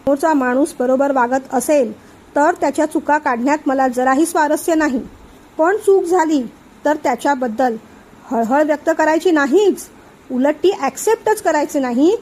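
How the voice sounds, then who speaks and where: A woman reading a sharp-tongued, indignant young wife. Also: high-pitched, moderate pace, lightly acted. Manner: sharp, cutting.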